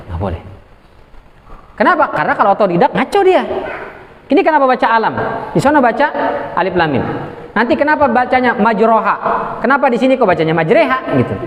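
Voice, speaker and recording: Male preacher, high voice, lively lecture style, speech, answers his own questions. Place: mosque hall. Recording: echoey hall.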